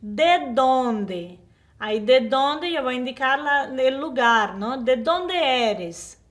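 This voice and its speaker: Slow-speaking high-voiced woman teacher. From Brazil. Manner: patient, explains slowly with frequent tag questions. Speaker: Spanish teacher. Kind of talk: online language lesson.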